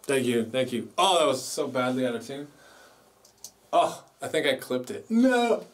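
In his home recording studio, by the mixing desk, a music producer vlogs in a playful, chatty way and pokes fun at himself. His mid-range voice is very animated yet a little slow, and the distant mic picks up faint background noise.

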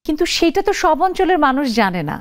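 Woman TV talk host, fairly high voice, welcoming tone toward callers and viewers. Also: very animated, fast. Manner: warm, inviting, addresses viewers and callers. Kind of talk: live TV talk show hosting. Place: TV studio.

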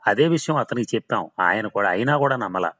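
A man's voice: lowish voice, lively intonation, fast talker, a bit bright. A man voicing the ghost of a hard-drinking male laborer who keeps swearing his tale is true, in a storybook reading. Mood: insistent.

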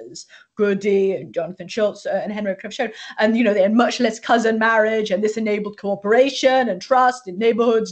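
A woman hosting an academic interview, asking probing, long questions and often restarting her words. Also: fairly high pitch. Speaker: host, interviewer.

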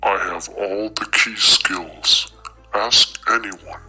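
A man voicing a boastful, pompous male alien looking for work, through a robotic, heavily bass-boosted voice effect. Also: steady tone, slow pace, sharp tone, breathy edge, faint music behind, full character voice, low-quality recording. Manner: grandiose, self-important boasting.

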